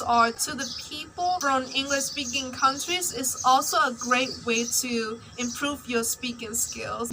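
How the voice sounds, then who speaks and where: Chatting casually in her personal vlog, a young language-learning vlogger from Myanmar, whose first language is Burmese, sprinkles "like" throughout her speech. She speaks in a high voice, and the low-quality recording carries slight background noise.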